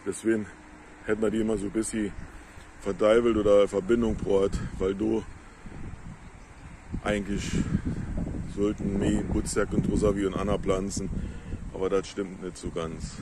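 A man with a Moselle Franconian dialect explaining plants on a casual nature walk outdoors in the countryside, in a halting, unhurried way. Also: on the low side, little pitch movement, heavy background noise. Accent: Moselle Franconian dialect of the Saar-Moselle area. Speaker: local nature video maker.

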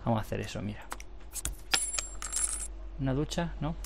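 A man's voice: mid-range voice, animated, normal speed, creaky. Spanish guy chatting over a video game, teasing the characters, mid voice, bit of noise in the background. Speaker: gameplay commentator. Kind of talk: casual gameplay commentary.

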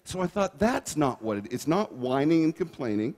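Male preacher, fairly high and very expressive pitch, playful storyteller, sermon. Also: normal speed. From Canada. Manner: playful, animated storytelling with audience participation.

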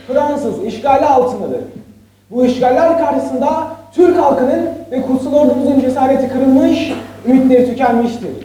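Rousing orator, played by an actor, dark high voice, booming far-off echo. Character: fervent patriotic orator. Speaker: speechmaker in a stage play. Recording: echoey hall, distant mic.

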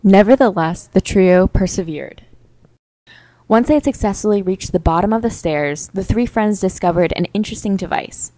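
A woman's voice: mid-range voice, normal speed, no echo, poor audio. Woman narrating wryly in a dry, close sound. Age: young adult. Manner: wry, deadpan mock-heroic storytelling. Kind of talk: mock-epic storybook narration.

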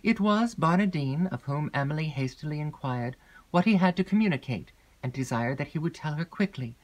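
A woman narrating a classic gothic novel as an audiobook, in a measured, even storytelling manner. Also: low voice.

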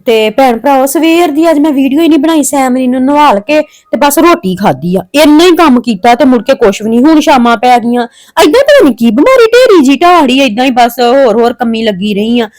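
Casting: Punjabi woman, family vlogger, higher-pitched voice, plaintive and homely, rambling casual chat to viewers. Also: animated, fairly quick, hardly any pauses, darkish tone. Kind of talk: casual chatty home vlog.

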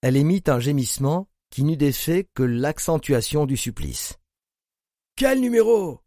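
A man narrating an audiobook in a grave, measured reading. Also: mid-range voice, dark tone, dry recording, clean studio sound. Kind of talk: scripted narration.

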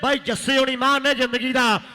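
A man with a Punjabi accent announces rural kabaddi in an extremely high voice. The tone is bright and forceful as he calls out names and phrases. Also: level tone, a little fast. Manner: calls out names, echoes his partner. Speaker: kabaddi co-commentator announcing supporters and prizes.

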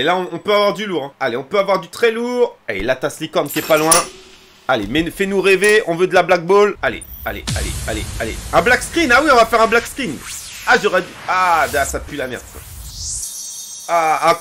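Streaming a football video game, a young gamer with a high-sitting voice reacts to pack openings in a loose, excited way, breaking into chants and shouts at each card reveal. There's a slight hiss or hum in the audio.

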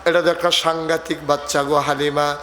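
A Bangladeshi man tells a story as a dramatic sermon, voicing the dialogue with emotive, stretched calls. His pitch is high and his tone bright and forceful, with faint noise behind him. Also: little pitch movement, brisk. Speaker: Islamic preacher.

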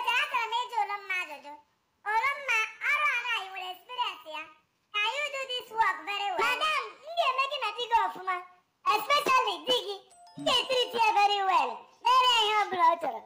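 Piercingly high cartoon woman. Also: expressive, fast, over loud music. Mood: pointed, questioning. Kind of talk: comic cartoon dub.

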